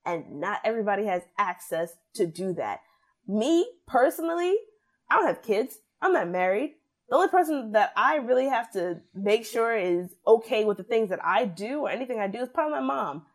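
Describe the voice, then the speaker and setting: In a relaxed podcast chat, a young woman lays out her opinions with plenty of energy, acting out other people's words as she talks. Her voice is a little high and her pace is moderate.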